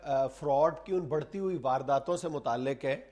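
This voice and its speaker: A man's voice: mid-range voice, darkish tone. A man with a Pakistani Urdu accent, co-hosting a talk show and introducing the day's topic in casual chat. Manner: frames the topic, then backs the story with short agreeing replies.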